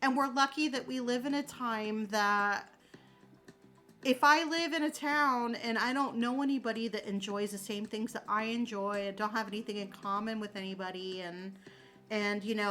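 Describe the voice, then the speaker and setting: A middle-aged woman chatting casually as she works on a craft, candid and quick to swear, laughing often and correcting herself mid-sentence. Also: a little high, a bit bright. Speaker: crafter chatting while working. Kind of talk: casual chat.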